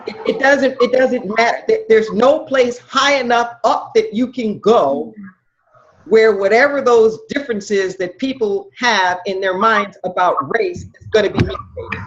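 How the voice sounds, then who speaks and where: An emphatic woman minister leads a class, quizzing her listeners and repeating their answers. Her voice is fairly high and very lively. The sound is dull and lo-fi, as from a video call. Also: unhurried. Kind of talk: interactive spiritual lecture.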